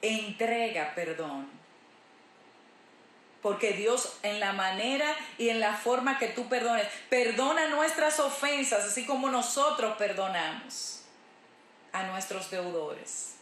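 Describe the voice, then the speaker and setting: A woman's voice: medium pitch, takes it slowly, a bit bright. A woman pastor preaching a sermon in an emphatic way, repeating her key phrases. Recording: roomy echo.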